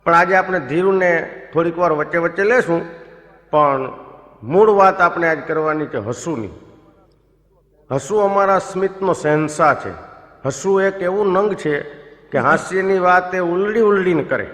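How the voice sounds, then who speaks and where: A stand-up comedian tells stories live in an echoey hall with long reverb, audience laughter in the background. His high-sitting male voice moves at normal speed with a fairly bright tone. Chatty, he voices his friends in quoted lines.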